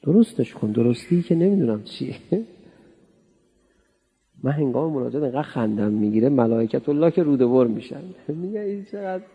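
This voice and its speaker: Male preacher, dark husky voice, conversational sermon, recorded in a reverberant hall. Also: medium pitch, expressive. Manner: conversational, playful, asks the audience questions. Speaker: cleric giving a religious talk.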